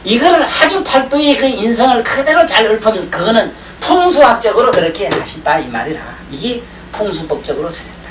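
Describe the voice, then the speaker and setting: A man's voice: high-pitched, big pitch swings, brisk, hardly any pauses, far from the mic. A man lectures on Chinese classics to a class, rambling from point to point, cracking jokes and checking that his listeners follow. It sounds like an old 1990s lecture tape. The room is echoey, the mic sits well away from him, and a faint hiss runs underneath.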